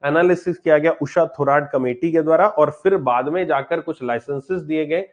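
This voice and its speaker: A man's voice: a little high, normal speed. A man teaching a banking exam class live online, talking casually and answering students' chat questions as he goes.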